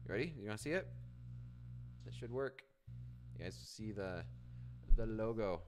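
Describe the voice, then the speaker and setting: A Canadian man hosts a live trading stream, chatting casually with viewers, reading their comments aloud and answering, with frequent restarts. His voice is fairly low, animated, and a little mellow, at a normal speed.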